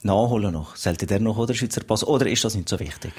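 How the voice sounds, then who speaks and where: A man with an Upper Valais Swiss German accent, hosting a relaxed radio interview and asking short leading questions. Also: on the low side, fast talker, husky. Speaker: radio host. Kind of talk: conversational interview.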